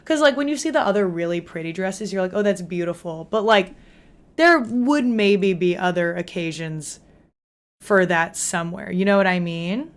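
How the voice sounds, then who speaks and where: A woman's voice: medium pitch, normal speed. Young woman streamer, casual rambling chat with lots of fillers and laughs. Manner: chatty, frequent "like" fillers, laughs while talking.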